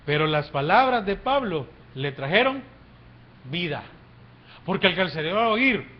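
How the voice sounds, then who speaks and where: A male pastor preaching a sermon in church. His voice swings between hushed, low phrases and loud, rising exclamations. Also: sing-song, unhurried. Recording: dull lo-fi church recording.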